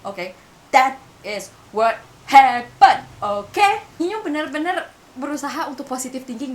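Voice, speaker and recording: A young woman from Indonesia telling a personal story to camera, casually mixing in English phrases. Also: high-pitched. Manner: mixes in English phrases, refers to herself by name, animated retelling. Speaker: vlogger. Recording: faint hiss.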